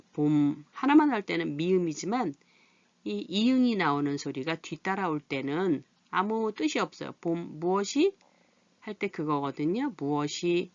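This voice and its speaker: A woman's voice: lowish voice, no room sound, lo-fi sound. A middle-aged woman teaching a patient adult literacy lesson. She asks questions and then answers them herself.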